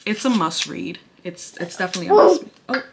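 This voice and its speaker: A woman chatting casually through a book review to camera, sounding breathy and out of breath. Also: mid-range voice, sing-song, fast talker, a crowd in the background. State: out of breath from pregnancy.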